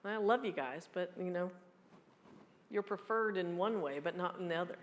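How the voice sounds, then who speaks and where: A woman in her fifties fields audience questions at a live meeting. She talks in a blunt, joking, quick way, and her voice carries a long reverb from the hall. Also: lowish voice, slight background noise. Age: 50s. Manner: blunt, joking, fast-talking. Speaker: keynote speaker. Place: large hall.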